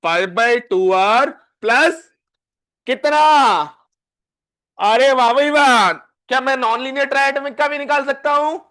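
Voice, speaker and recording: High-voiced Indian man teaching a class. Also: pushed and bright. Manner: coaxing, quizzes students with quick questions; dictates questions slowly, word by word. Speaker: physics teacher. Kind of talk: live classroom lecture.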